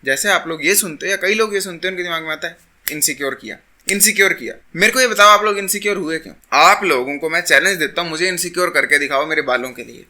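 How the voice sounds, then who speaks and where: Forceful, argumentative young man. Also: on the high side, quick pace, hardly any pauses. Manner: argumentative, mixes Hindi and English. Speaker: self-improvement YouTuber. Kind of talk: opinion monologue to camera.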